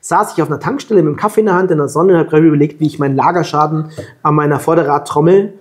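Rapid-fire and fairly high-pitched, this German man in his forties recounts lively, colloquial anecdotes from his long-distance scooter travels. He's the guest in a sit-down table interview, miked with a lapel mic in a room with plants.

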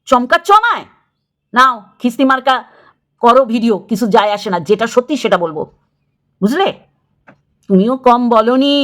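A middle-aged woman delivers a confrontational video rant to camera. Her voice sits a little high. She scolds and lectures, hammering the same lines again and again. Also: a bit bright. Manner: scolding, confrontational, repeats phrases. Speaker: YouTube creator.

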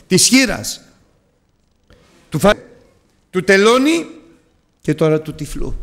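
A man preaching a Sunday sermon to his congregation, moving from hushed, low pleading to high, loud cries.

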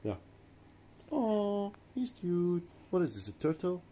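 A man's voice: high voice, very animated, slow pace, noisy background. A man vlogging in a casual, playful way, teasing and joking with a child indoors. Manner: teasing and joking, laughs often. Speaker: YouTube vlogger filming with a child. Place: indoors in a messy room.

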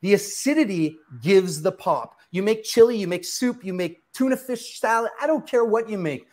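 A man's voice: sits high, animated, moderate pace, darkish tone. A middle-aged male chef giving a live cooking demonstration in a home kitchen studio, talking emphatically and answering his own questions.

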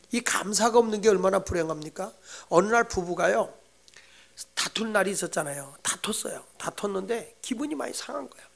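A male pastor giving a sermon in a lively, conversational way, telling humorous stories to his congregation. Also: high-pitched, gravelly. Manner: animated storytelling with humorous anecdotes; direct, conversational address to the congregation.

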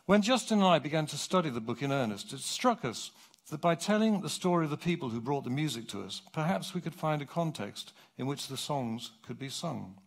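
A middle-aged man from England, giving a public lecture from his script on a theatre stage. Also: on the high side. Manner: animated, clear and measured.

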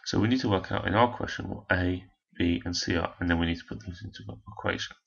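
A low, gravelly man teaches a maths problem step by step, his voice hoarse and husky. He talks while working things out on a calculator. The recording sounds dull and lo-fi. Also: fast talker. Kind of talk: recorded maths lesson walkthrough.

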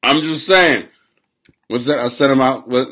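A man in his forties ranting loudly on a live stream from a small room at home, recorded by a webcam at his desk, crude, laughing, swinging from shouting to mumbling. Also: mid-range voice, unhurried. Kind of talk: rambling live-stream comedy rant.

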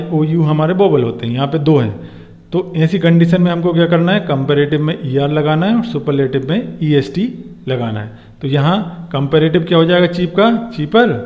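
A man with a fairly high voice teaches a grammar lesson, asking rhetorical questions and slowing down to spell out letters. The sound is dull and lo-fi, with a long reverb trailing each phrase.

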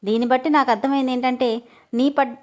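A cheeky young man who keeps ribbing his friend with a grin in his voice, read by a female storyteller. The voice stays fairly high and light and plays every jab as a joke. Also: steady tone, quick pace, close to an everyday voice. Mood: teasing. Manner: mocking and playful. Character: teasing, joking young man.

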